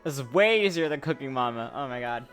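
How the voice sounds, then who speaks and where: A woman's voice: very deep voice, expressive, fast, soft background music. A woman streamer giving casual commentary while she plays a video game.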